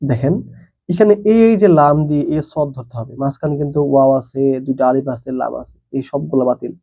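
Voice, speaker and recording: A man's voice: medium pitch, fairly quick, creaky, warm tone, slightly rough, dull audio. A man teaching Quran reading who spells out each letter and vowel mark, then blends the syllables, with plain explanatory asides between the drills.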